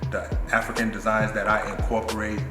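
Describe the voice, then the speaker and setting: Low-voiced Nigerian-born man in an echoey room. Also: brisk. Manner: relaxed, thoughtful, lots of fillers. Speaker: clothing brand owner. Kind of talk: casual interview. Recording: echoey room with long reverb and music behind.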